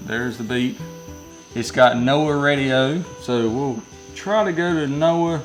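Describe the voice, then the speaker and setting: A man with a Southern US accent gives a casual, folksy product review from inside a metal building, rambling and often correcting himself mid-sentence. His medium-pitched voice moves slowly over faint background music on a rough recording.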